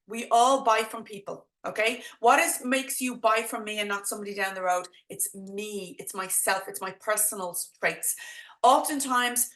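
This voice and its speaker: Bright-voiced Dublin woman, chatty coach. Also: a little high, roomy sound. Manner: chatty, encouraging, addresses viewers directly with pep talk. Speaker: business coach hosting an online workshop. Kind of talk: informal live webinar presenting.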